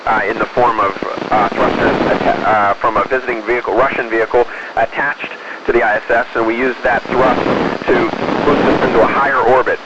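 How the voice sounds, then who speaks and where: Astronaut on a noisy space radio. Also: male voice, mid-range voice, fairly even intonation, muffled recording. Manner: measured, explanatory, with hesitant pauses. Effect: space radio transmission. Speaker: astronaut aboard the space station. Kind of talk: answering questions over a radio link. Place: inside an orbiting space station.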